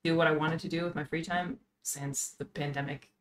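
A woman's voice: deep voice, fairly even intonation, a little fast, background noise. A woman in her twenties hosting a podcast, chatting casually and thinking aloud earnestly, at home on a desk mic. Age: 20s. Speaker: podcast host. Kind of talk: casual chat. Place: home streaming room.

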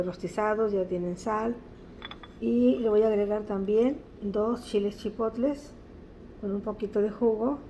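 Mellow, chatty woman showing a home recipe. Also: medium pitch, poor audio. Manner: homely, unhurried, chatty, with diminutives. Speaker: host of a home cooking channel. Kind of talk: casual recipe demonstration. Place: home kitchen, indoors. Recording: faint-to-clear background noise, home kitchen.

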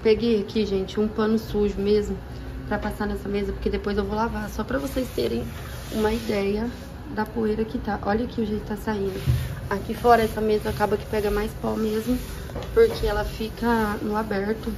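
A Brazilian woman in her twenties chatting casually to viewers in a home vlog, slightly hoarse as if from an inflamed throat. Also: medium pitch, flat delivery, a little fast. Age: 20s. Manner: chatty, confiding, addressing viewers as friends. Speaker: homemaker vlogger. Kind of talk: casual household vlog chat. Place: small tiled bathroom and other rooms at home. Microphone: phone camera, sometimes set back across the room. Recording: roomy, distant microphone with faint noise.

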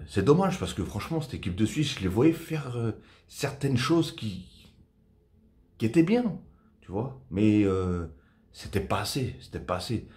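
Brief: low-voiced man in his thirties, casual vlogger, repeats himself, home webcam sound. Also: a little mellow. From Portuguese heritage. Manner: chatty, repetitive fillers, enthusiastic. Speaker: football vlogger. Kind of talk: casual match debrief to camera. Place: small room at home, indoors.

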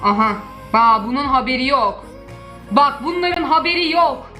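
A woman hosting a casual reaction video, talking in an animated, joking way full of exclamations and mock outrage. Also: high voice, normal speed, soft background music.

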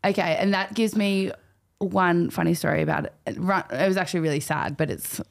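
A woman's voice: fairly low pitch, brisk, creaky. Chatty woman telling a story. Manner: chatty storyteller, rambling with many "like"s. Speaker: podcast co-host. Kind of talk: casual chat.

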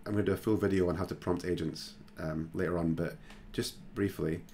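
A man hosting a screen-recorded software tutorial, talking casually and thinking aloud with plenty of fillers. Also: sits low, fairly even intonation, brisk, slight background noise. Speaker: tutorial host.

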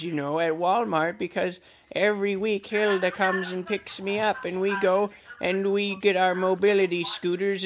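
A man's voice: high voice, slight background noise. Male performer as muddled, sweet old woman, rambling and hesitant, improvised prank-call delivery. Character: chatty, muddled, sweet lonely old lady. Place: small indoor room at home. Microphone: phone camera at arm's length.

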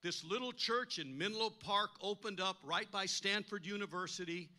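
Preaching in church, an older male pastor tells a personal story with emphatic delivery, performing the voices of those he quotes and repeating words again and again. The voice is high-pitched and sharp, at a normal speed.

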